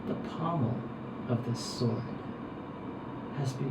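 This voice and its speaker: A woman's voice: extremely low pitch, slow pace. A woman narrating a tabletop fantasy game as game master, dramatically, in short suspenseful phrases. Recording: distant, echoey room with loud background noise.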